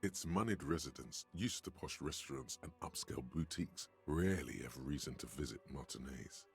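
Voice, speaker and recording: A rumbling, gravel-lined male narrator voice for a video game, low at the very bottom of the range. The tone is husky and wry, telling each scene with quiet menace. Soft music sits beneath it. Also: a little fast. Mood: grave.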